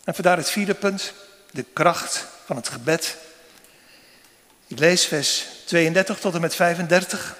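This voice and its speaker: A man preaching a sermon to a congregation, slow and solemn, with long pauses between phrases. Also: fairly high pitch, a bit bright. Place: church. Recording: long church reverb.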